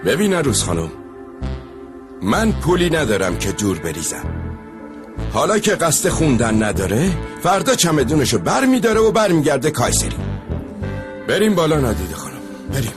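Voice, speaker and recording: A stern, sarcastic middle-aged head of the house in a dubbed drama. His delivery rises and falls widely. Clear score music plays behind him. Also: a little high, big pitch swings, long pauses. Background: background score music.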